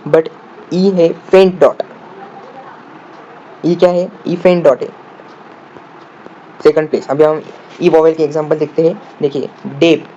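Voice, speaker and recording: A man explains shorthand step by step, asking the viewer questions and answering them himself, sometimes spelling words out slowly. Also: on the high side, warm tone. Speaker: shorthand teacher. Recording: dull lo-fi audio with faint room noise.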